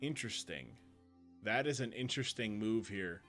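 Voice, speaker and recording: A man hosting a live stream, commentating matches in a rambling, excitable way and laughing often. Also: lowish voice, moderate pace, soft background music. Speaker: league commissioner and host.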